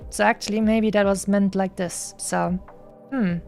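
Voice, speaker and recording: A woman's voice: mid-range voice, steady tone, measured pace, gravelly, a little mellow. A woman giving casual, playful, rambling gameplay commentary as a streamer. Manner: playful, rambling, paraphrases characters. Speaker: game streamer. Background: game music.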